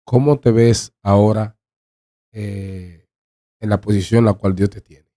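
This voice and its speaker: A man's voice: fairly low pitch, fairly even intonation, measured pace, warm tone. A man hosting an interview, asking his guest questions with brief, encouraging remarks. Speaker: host.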